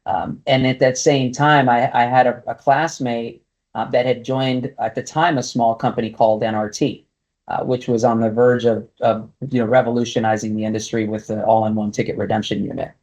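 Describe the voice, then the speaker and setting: Fairly quick and showing little pitch movement, his mid-range voice has a darkish tone, and the recording sounds muffled. The speaker, a native Spanish-speaking casino executive in his forties, grew up partly in Guatemala and comes from Brooklyn, New York; as an interview guest he answers carefully, full of fillers and restarts.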